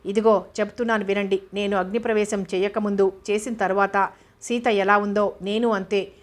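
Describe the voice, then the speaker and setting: A proud young woman pushes back with indignant force, as the female narrator voices her. Her pitch keeps to a narrow band. It is a scene from an audiobook. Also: flat delivery, normal speed, natural voice. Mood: defiant. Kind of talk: audiobook character voice.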